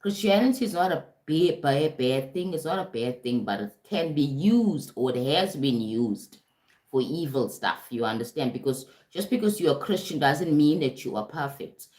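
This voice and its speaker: Very low-voiced South African woman. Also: animated, normal speed, darkish tone, reverberant. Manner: conversational, asks "right?" and "you understand?" often. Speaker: life coach and motivational speaker. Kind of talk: live-streamed spiritual talk. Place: home in Durban, streaming.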